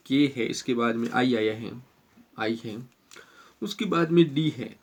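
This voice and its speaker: In a slow classroom explanation, a man with an Indian accent teaches a spelling rule, repeating words and spelling them out one letter at a time. His voice sits in the mid range and has a somewhat dark tone.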